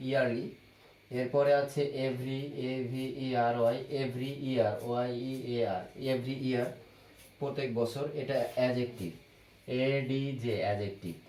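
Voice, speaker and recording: A male teacher giving a slow vocabulary lesson, spelling out each word letter by letter and repeating it patiently for his students. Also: mid-range voice, darkish tone. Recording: echoey room, faint background noise.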